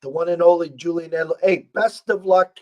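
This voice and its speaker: An American man with a hoarse, strained voice that is nearly gone, hosting a casual sports betting talk show. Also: a little high, a little fast. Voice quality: husky, strained voice. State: hoarse, losing his voice.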